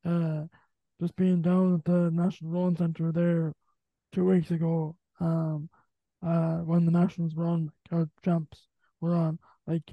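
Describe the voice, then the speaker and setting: A man's voice: fairly high pitch, monotone, a little slow, vocal fry, no echo. A man in his late teens with a west of Ireland accent, hosting a casual sports interview. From Galway, Ireland. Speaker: podcast host. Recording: dull, muffled lo-fi audio.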